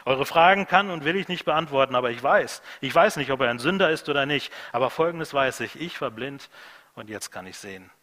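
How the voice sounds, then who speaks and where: A man's voice: mid-range voice, lively intonation, brisk, pushed and bright, in a large hall. A man voicing a young, formerly blind man who is fed up and answers boldly and impatiently. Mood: defiant. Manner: impatient, plain-spoken retorts.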